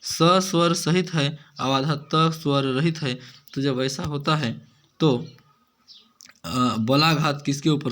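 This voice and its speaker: A man gives a grammar lesson at an ordinary pitch. He explains step by step, keeps putting a question to the learners and answers it himself. He ends points with small checking tags. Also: a bit bright. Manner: repeats questions to students and answers them himself, with frequent "है ना" tags. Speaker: Hindi grammar teacher.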